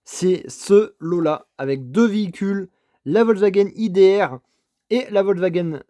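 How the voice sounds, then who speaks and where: At his home desk setup, a male toy car collector vlogger casually unboxes and shows off his finds, heaping on repeated enthusiastic praise while stammering and restarting. His voice sits high and mellow at a measured pace. The recording is dry and studio quality.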